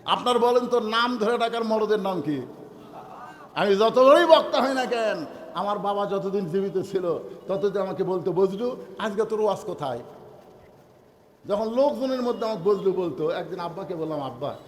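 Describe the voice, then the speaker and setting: A man preaching a storytelling waz sermon, acting out the voices in his story, from soft murmurs to loud cries. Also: high-pitched, normal speed. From Bangladesh. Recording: echoey hall, roomy long reverb.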